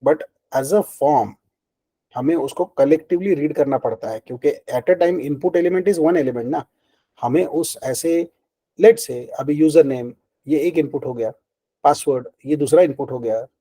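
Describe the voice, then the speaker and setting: Guy explaining code in a relaxed mellow voice, mixing in english, lots of "right?" check-ins. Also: on the high side, slow pace, poor audio. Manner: mixes Hindi and English, asks and answers his own questions; conversational, frequent fillers like "ठीक है" and "ना". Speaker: programming instructor. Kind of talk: screen-recorded coding lesson.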